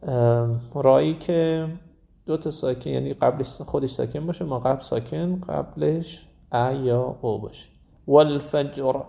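A man gives a recitation lesson in a low, gravelly voice with a mellow, dark tone. He explains pronunciation rules at an easy pace, then drags out example words slowly and deliberately, saying each several times. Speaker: Quran recitation teacher.

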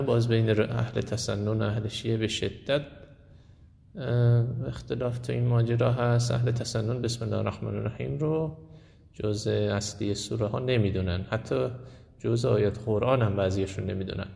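A man with a gravelly voice of middle pitch teaches a Quran recitation class. He talks slowly and hesitates often, and he repeats sounds aloud to show how they are said. His voice carries a long echo, as if he is speaking in a large hall. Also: a little mellow. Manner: explains slowly with many hesitations, demonstrates sounds by repeating them. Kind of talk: classroom lesson.

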